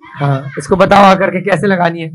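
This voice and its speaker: A man teaching children to write a script in a classroom, coaxing and praising them and spelling out each stroke slowly. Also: high voice, poor audio.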